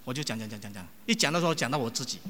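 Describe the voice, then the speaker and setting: A man's voice: medium pitch, very fast. A male preacher giving a sermon full of personal stories, acting out the people he quotes. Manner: animated, acts out quoted people. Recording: long reverb of a large hall.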